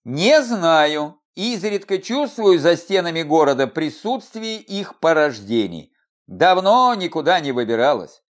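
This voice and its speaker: A man's voice: on the high side, sing-song, measured pace. Sulky little golden salamander spirit, lady, snippy and sad, man reading her, voice swings around a lot. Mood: wistful.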